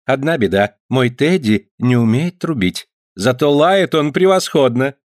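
A man reading aloud, voicing a gentle, kindly circus clown. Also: medium pitch, animated, measured pace, no room sound, clean studio sound, lightly acted. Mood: playful. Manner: gentle, storytelling.

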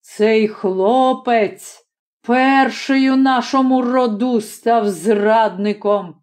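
A woman reading as a grim middle-aged father gives slow, hard orders in a dark, mellow tone. He sounds cold and unyielding. It is a storybook figure. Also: a little high. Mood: stern.

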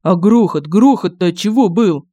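A man's voice: high voice, animated, normal speed, warm tone, no echo. A male narrator voicing a concerned, friendly young man in an audiobook. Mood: worried. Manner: worried, caring.

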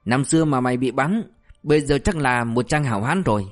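A man's voice: mid-range voice, lively intonation, a little fast, close to an everyday voice. A man voicing a ruthless male police officer who berates a suspect with harsh, relentless abuse. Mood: contemptuous.

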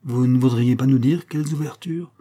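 A frank, spirited young heiress, voiced by a man reading a storybook. The tone is lifted a little and questioning. The voice underneath stays dark and husky. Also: medium pitch, a little fast, close to an everyday voice. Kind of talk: audiobook character reading.

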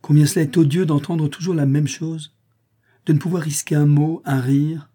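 Man putting on a high, exasperated young noblewoman. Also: fairly even intonation, moderate pace, mellow, lightly acted.

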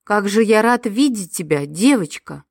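A woman's voice: mid-range voice, animated, normal speed, dry recording, studio quality. A woman voicing a loyal, formal old male dog guardian who sighs and grumbles like a grandfather in an audiobook. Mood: courtly, sighing. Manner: courtly, sighing, grumbles like a grandfather. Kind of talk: audiobook character voice.

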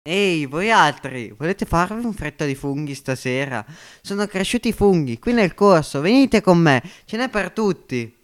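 An excitable poor workman, voiced by a man for a homemade storybook reading. He swings up and down in pitch with lively eagerness, with a smooth, clean tone. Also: moderate pace, lightly acted. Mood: eager. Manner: eager, blustering, conspiratorial. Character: poor, scheming male laborer, excitable. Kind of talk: amateur audiobook reading.

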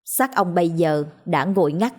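Lower-voiced woman narrating a ghost story. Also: animated, normal speed, darkish tone.

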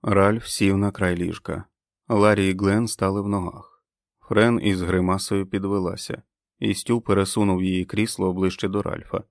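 A man reading a novel aloud as an audiobook narrator, in a measured, expressive way. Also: deep voice, vocal fry, dry recording, clean studio sound. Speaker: audiobook reader. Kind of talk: scripted narration.

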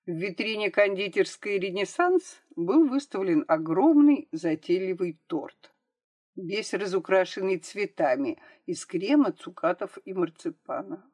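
A woman narrating an audiobook with a measured, expressive reading. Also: on the low side.

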